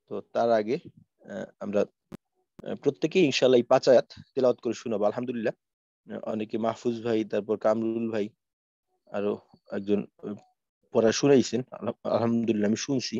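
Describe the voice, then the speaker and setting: A man teaching Quran recitation in an online class, explaining patiently and slowly stretching out sample verses. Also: mid-range voice, warm tone, no room sound. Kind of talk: online tajweed lesson. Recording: dry, muffled lo-fi audio.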